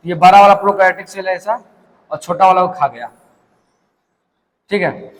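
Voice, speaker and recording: A man's voice: high-pitched, moderate pace, big-room sound, rough recording. A young man teaching biology, asking questions and answering them himself as he tells a story. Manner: asks and answers his own questions, storytelling. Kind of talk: classroom lecture.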